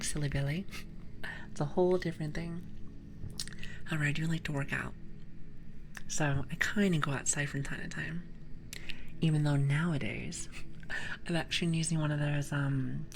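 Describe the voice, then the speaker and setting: A young woman from Portugal chatting playfully with viewers in a soft, mostly unvoiced ASMR whisper. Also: sits low, slight background noise. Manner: playful, teasing chat with viewers. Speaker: ASMR streamer. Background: soft background music.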